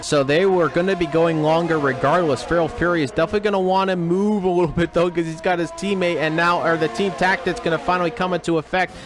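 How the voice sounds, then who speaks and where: A man commentating on a race as a motorsport commentator, giving excited, dramatic live play-by-play. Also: a little high, fast, few pauses. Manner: dramatic, emphatic calls. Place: esports race broadcast commentary.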